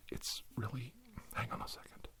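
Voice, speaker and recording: The speaker is a man telling a meandering ASMR story in the guise of a self-made healing doctor. He is hesitant but earnest and deadpan, talking at normal speed.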